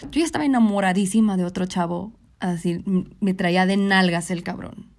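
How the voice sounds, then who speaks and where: A woman's voice: lowish voice, fairly quick. A young adult Mexican woman, the host of a podcast, tells a story about her own life in casual, candid speech full of swearing. She often acts out what people said. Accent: Mexican Spanish. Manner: candid, profane, animated, quotes people in acted voices.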